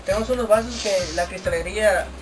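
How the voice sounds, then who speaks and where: A Mexican man chats with his friends in a loose, slangy, joking way, swearing freely and repeating himself. He is picked up from a distance, with music clearly playing behind him. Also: high voice, quick pace. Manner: slangy, profane, repeats phrases excitedly. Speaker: challenge host and contestant. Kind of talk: casual, joking chat among friends.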